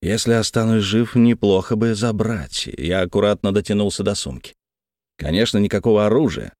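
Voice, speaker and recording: A man narrating a first-person thriller audiobook in a tense, measured way. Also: fairly low pitch, a little mellow, no room sound, studio quality.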